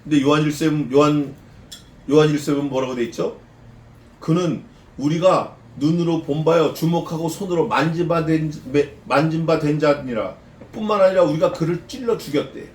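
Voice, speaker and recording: A man preaching an expository sermon as a pastor, lively, questioning the congregation and mixing in casual slang. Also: on the high side, normal speed, roomy sound, slight background noise. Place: church sanctuary.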